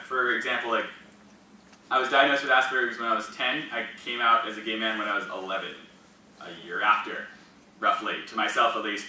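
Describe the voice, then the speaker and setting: A man's voice: medium pitch, bright, forceful tone, slight background noise. A young man telling personal stories in a casual, rambling way, full of "like" fillers and laughs. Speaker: speaker sharing personal experience. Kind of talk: casual storytelling talk. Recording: echoey room, mic at a distance.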